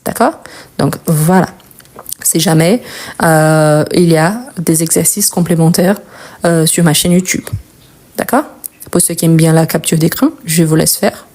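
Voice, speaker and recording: Teaching French grammar to learners, this young Brazilian teacher, a native Portuguese speaker, says example words again slowly. She has a deep, slightly mellow voice.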